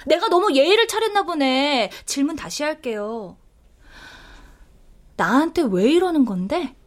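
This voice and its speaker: A woman's voice: lively intonation, a little slow. A woman voicing a cheeky young female lecturer who needles her rival in a voice drama. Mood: mocking. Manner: teasing, needling, turns to shrill panicked shouting.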